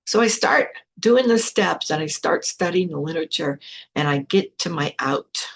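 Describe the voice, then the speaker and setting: Older woman, low and raspy, candid storyteller who speaks bluntly, as a spiritual podcast host. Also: expressive, moderate pace. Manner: frank and blunt, with casual swearing. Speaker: spiritual teacher hosting a podcast.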